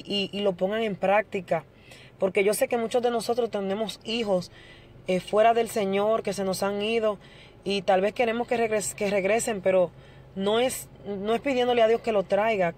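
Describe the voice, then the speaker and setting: A middle-aged woman speaks earnestly before a congregation, giving her church testimony in a steady voice at a middle pitch. She talks straight to her listeners and calls them brothers. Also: a little hiss or hum.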